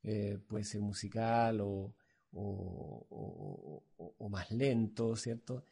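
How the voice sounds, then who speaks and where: A man with a Chilean accent lecturing as an instructor, halting and full of fillers and tag questions. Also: on the low side, vocal fry, warm tone, breathy edge. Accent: Chilean Spanish. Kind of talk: recorded lecture.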